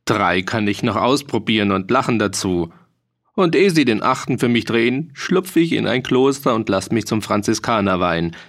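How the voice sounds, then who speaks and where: A man's voice: lowish voice, lively intonation, normal speed, fairly bright tone. A man voicing a boastful, jolly mercenary soldier in an audiobook reading, hearty and bragging. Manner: hearty, bragging, dialect-heavy.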